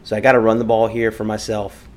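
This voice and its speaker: A man's voice: lowish voice, completely flat delivery, quick pace, a little hiss or hum. A man co-hosting a podcast, chatting casually with an easygoing manner and many fillers.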